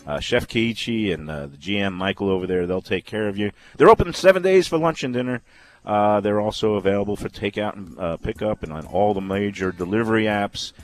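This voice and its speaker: A man's voice: on the low side, a little fast. An American man on sports talk radio, chatting casually in a rambling, opinionated and emphatic way. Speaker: sports radio co-host and sponsor pitchman.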